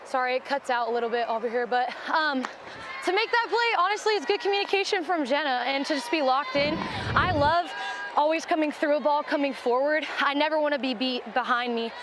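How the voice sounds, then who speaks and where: A high-voiced young woman chats through a body mic during a live game, a little out of breath between plays. She sounds bubbly and upbeat, and there is steady outdoor noise around her. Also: fairly quick. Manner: bubbly, upbeat, cheers teammates mid-play. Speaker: softball player mic'd up in the field. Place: outdoor softball field. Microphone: wireless body mic. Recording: noisy outdoor ballpark mic.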